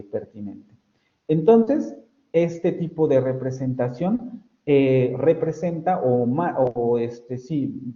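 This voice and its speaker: Mexican professor lecturing in a roomy echo. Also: male voice, mid-range voice. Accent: Mexican Spanish. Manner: explanatory, self-correcting, frequent fillers. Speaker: university professor. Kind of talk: online phonetics lecture. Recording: roomy, dull lo-fi audio.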